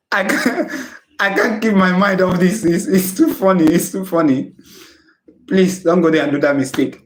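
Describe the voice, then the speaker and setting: A man's voice: high-pitched, normal speed, roomy sound. A man with a Nigerian English accent teaching students in a chatty live-stream lesson, often laughing at his own jokes and dropping in Pidgin phrases. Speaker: tutor.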